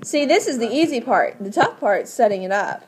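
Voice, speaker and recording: A woman's voice: a little high, lively intonation, fairly quick, background noise. A woman teaching a math class step by step in a patient, instructive way, often asking questions to check understanding. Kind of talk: classroom lesson, explaining step by step.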